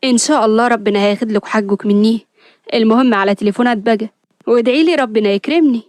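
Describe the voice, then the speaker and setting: A woman's voice: on the high side, darkish tone, dry recording, natural voice. A woman doing a feisty young woman. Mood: affectionate. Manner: quick, emotional, teasing retorts. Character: spirited young woman, sharp-tongued and stubborn.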